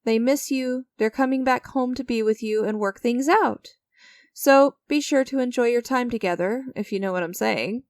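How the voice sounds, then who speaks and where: A woman with a natural voice on the high side speaks at a moderate pace, recorded at studio quality with no echo. She plays a creepy, enigmatic stranger offering sinister deals in a dramatic audio roleplay, theatrical and teasing in a smug, coaxing way, her mood smug and playful.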